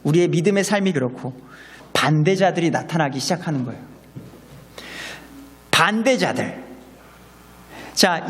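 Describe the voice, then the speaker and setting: A man preaching a sermon as pastor, animated and acting out quoted voices. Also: high voice, long reverb tail.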